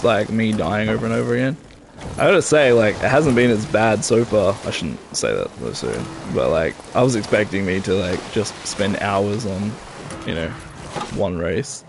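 A man talks through a game in a stuffy, nasal voice with a gravelly edge. His pitch swings a lot as he mutters, swears and narrates to himself. The recording is a livestream mic with clear background noise. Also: expressive, unhurried. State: congested, talking through his nose. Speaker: streamer. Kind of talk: casual gameplay commentary.

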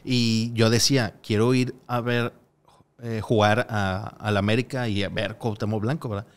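Smooth-voiced man telling stories. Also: on the low side, fairly even intonation, normal speed. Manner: rambling storyteller, frequent hesitations and acted-out quotes. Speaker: podcast guest. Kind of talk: casual podcast conversation.

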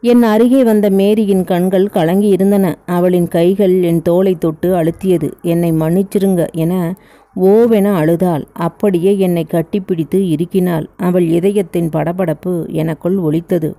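ஆழ்ந்த மென்மையான குரல் பெண் கதைசொல்லி. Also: female voice, on the low side, steady tone, unhurried, dark tone. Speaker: audiobook narrator. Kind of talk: scripted novel narration.

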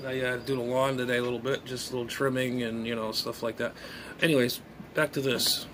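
Speaking a little fast in a flat, mid-range voice, a middle-aged man who is an amateur radio hobbyist and vlogger mutters and rambles while handling items, thinking aloud for a casual unboxing vlog. The noisy casual recording, made on a phone propped at arm's length in a small indoor bedroom, has clear background noise and room ambience.

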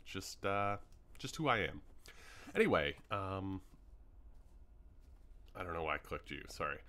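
A man's voice: low-pitched, sing-song, measured pace, sharp tone. A young man from Canada giving rambling, casual commentary on a game build tour, full of ums, his voice starting to go. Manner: rambling, chatty, many ums. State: hiccups, voice starting to go. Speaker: gaming YouTuber.

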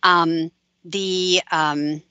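A woman's voice: fairly low pitch, fairly even intonation, extremely slow, sharp tone, smooth, dry recording, muffled recording. A woman extension educator answering audience questions in a practical, plain-spoken way.

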